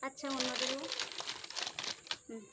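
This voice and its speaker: A woman's voice: high voice, level tone, measured pace, very noisy. A woman talking sing-song baby talk to her pet, coaxing it and repeating her words. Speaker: pet owner filming her pet.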